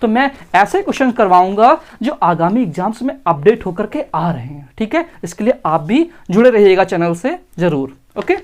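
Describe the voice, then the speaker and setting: Patient high-voiced male maths teacher. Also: big pitch swings. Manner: patient, keeps asking if students follow; explains slowly step by step. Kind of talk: online exam-prep maths lesson.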